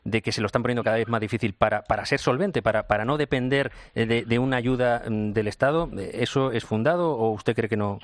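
A man's voice: medium pitch, quick pace, hardly any pauses, no room sound. A male interviewer who asks long, winding questions in a conversational way. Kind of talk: radio interview.

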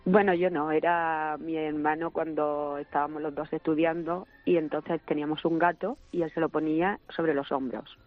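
Brief: female caller, slightly hoarse, chatty rambler, dull phone line. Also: low-pitched, steady tone, normal speed, hardly any pauses, faint music behind. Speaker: radio caller. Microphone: telephone.

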